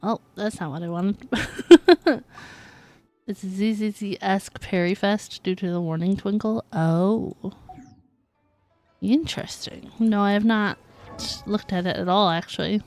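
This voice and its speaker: Over game music, a woman livestreams her gameplay, chatting casually with a giggly manner. She speaks at a slow pace in a medium-pitched voice with a darkish tone.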